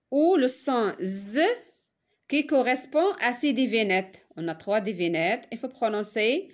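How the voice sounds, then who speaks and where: A woman from Morocco giving a slow, careful spelling lesson to young pupils, spelling out each sound one at a time. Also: on the high side. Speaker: teacher. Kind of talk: primary-school spelling lesson.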